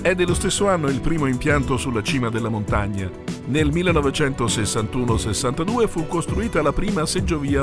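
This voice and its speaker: A man narrates in a measured, informative voice-over. Clear music plays behind him throughout. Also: mid-range voice. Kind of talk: scripted documentary narration.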